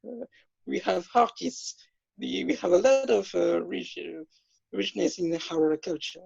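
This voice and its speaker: Man, twenties, from France, hesitant speech, fillers, husky, lo-fi dull audio. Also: high voice, lively intonation, a little slow, darkish tone, no echo. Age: 20s. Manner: hesitant, many fillers and restarts. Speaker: interview guest. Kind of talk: self-introduction in an interview. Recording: dull, lo-fi dry sound.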